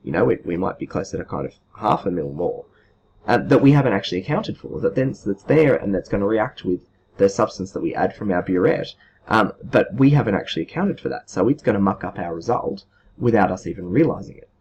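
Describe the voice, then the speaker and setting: A man's voice: on the low side, expressive, brisk, a little mellow. A man in his thirties giving an informal, unscripted lesson, explaining step by step like a teacher. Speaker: chemistry teacher, video host. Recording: muffled sound with clear background noise.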